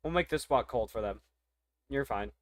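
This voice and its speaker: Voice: medium pitch, expressive, normal speed, no echo. A young streamer gives casual gameplay commentary. The voice is muttered and chatty, rising and falling freely, and it is recorded close and dry. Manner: muttering, chatty, reacts to the game. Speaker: gaming streamer.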